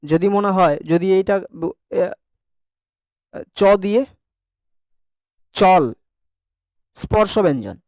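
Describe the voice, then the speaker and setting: A man's voice: sits high, takes it slowly, pauses often, darkish tone, dry recording, clean studio sound. A male teacher giving a classroom lesson, asking the class questions and repeating sounds over and over to drill pronunciation. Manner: asks the class checking questions. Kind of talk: classroom lesson on Bengali grammar.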